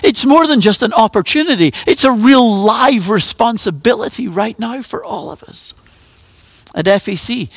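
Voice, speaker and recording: A middle-aged man delivers a sermon in a high, earnest voice. He leans on rhetorical questions as he addresses his congregation. The sound is dry and close, with no room around it. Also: a bit bright, no room sound. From Northern Ireland. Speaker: pastor.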